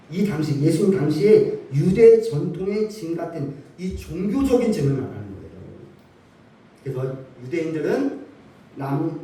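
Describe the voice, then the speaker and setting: A male pastor preaches with a high, lively voice that climbs and dips as he stresses his points. His tone is mellow and dark despite the height. He sounds distant from the mic, caught in the strong echo of a church hall. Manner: animated preaching with rising emphasis and rhetorical questions. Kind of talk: sermon. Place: church sanctuary.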